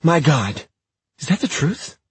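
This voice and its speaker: A man voicing a frantic young mother whose voice is pushed high and strained. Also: big pitch swings, measured pace, breathy edge, dry recording, heavily acted. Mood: desperate.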